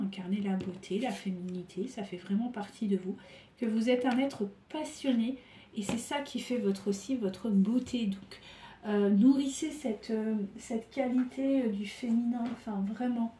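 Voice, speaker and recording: A woman's voice: a little high, measured pace, mellow, echoey room, slight background noise. Feverish woman with a stuffy nose. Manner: hesitant, many fillers and restarts. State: feverish and tired. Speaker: tarot reader. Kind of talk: tarot reading to camera.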